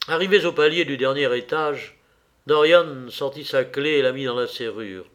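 A man narrating a classic novel in a measured audiobook reading. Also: medium pitch, fairly bright tone.

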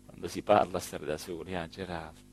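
This wounded, reproachful monologue comes from a male stage actor portraying a bitter, deserted small-town mayor, his southern Italian accent rising from low murmurs to loud declaiming. His gravelly voice is delivered flatly and fairly quickly, over slight background noise.

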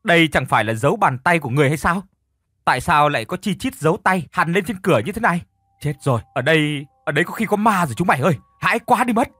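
A man's voice: animated, moderate pace, pauses often, husky, no echo, studio quality. A man voicing a panicky young male student who cries out in fright. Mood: terrified. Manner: shrill, frightened exclamations.

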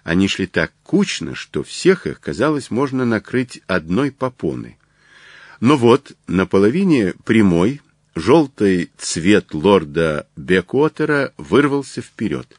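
A male narrator reads a story in an audiobook. His fairly low voice moves lively in pitch while he keeps a slow, careful pace. The recording is close and dry. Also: no echo. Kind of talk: scripted narration.

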